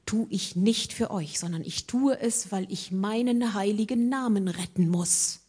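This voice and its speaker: A woman preaching a sermon to her congregation, asking them rhetorical questions and dropping from emphatic lines into hushed whispers. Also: mid-range voice, measured pace, slightly rough.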